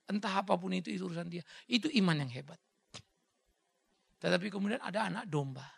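A man preaching a sermon and answering questions, animated, slipping English words in and acting out quoted voices. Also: sits high, vocal fry, slightly rough. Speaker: pastor. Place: church hall.

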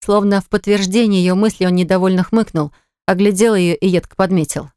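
A woman reading an audiobook in measured scripted narration on a close studio mic. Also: medium pitch, fairly even intonation, dark tone, clear, resonant tone, no room sound.

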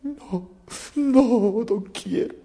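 A man voicing a foolish young simpleton in a shrill, whiny, sobbing high voice. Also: sing-song, measured pace, dark tone, slightly rough, full character voice.

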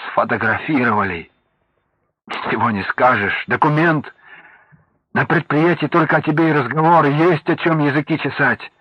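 A man reading an audiobook and voicing a young wife, tearful and bitter, scolding her husband in a husky voice. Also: fairly high pitch, moderate pace, no echo, pitched above the performer's own voice. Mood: scornful. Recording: dull lo-fi audiobook recording.

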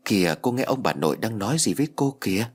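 A man's voice: fairly low pitch, sing-song, fast talker, husky. A man voicing a young village boy who scolds and coaxes his ghost aunt in an earnest way. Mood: urging. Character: young village boy, stern yet coaxing.

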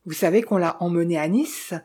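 A woman's voice: on the low side, fairly quick, a little mellow, slightly rough. A woman reading an audiobook and voicing a chatty, knowing male village innkeeper who gossips and teases. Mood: gossipy. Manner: gossipy, teasing, confiding. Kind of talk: audiobook character voice.

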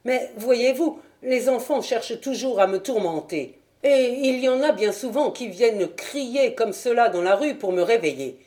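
A woman voicing an irritable old man who keeps animals, who first shouts threats and then turns fussy and polite. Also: a little high, expressive, moderate pace, few pauses, voice pushed up, close to an everyday voice. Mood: fussy, welcoming. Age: over 60.

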